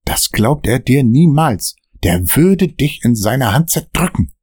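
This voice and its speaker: A man's voice: lowish voice, expressive, measured pace, darkish tone, no echo, studio quality. A man voicing a firm, urgent young man who pleads with his friend, in a read-aloud story. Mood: tense. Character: determined young man searching for answers.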